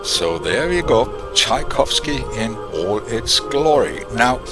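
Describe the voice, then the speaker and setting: Background music plays as a man with a medium-pitched voice and big pitch swings slowly talks through his electronics project. It's a casual technical walkthrough full of "uh"s and restarts, picked up by a desk microphone switched on and off.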